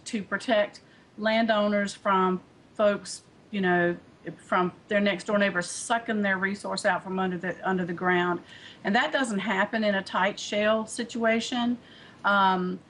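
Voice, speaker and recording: A woman gives a remote news interview as an environmental advocate, talking earnestly and circling back with "um" and restarts. Her voice sits mid-range for a woman, and a faint low rumble runs underneath. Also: a bit bright, poor audio. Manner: earnest, many fillers and restarts. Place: remote studio link.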